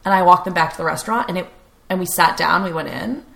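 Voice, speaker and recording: Woman, 20s, podcast host, rambling storyteller, self-deprecating, bright tone, vocal fry. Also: lowish voice, quick pace. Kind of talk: casual storytelling chat.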